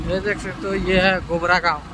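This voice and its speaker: A travel vlogger from Chhattisgarh talks casually to viewers, calling them "guys," as he rides a bike and hikes a forest trail, filmed on a body-worn camera outdoors on rural roads and forest trails. His high-pitched voice shows little pitch movement and moves at a normal speed, and he sounds tired. Background noise can be heard.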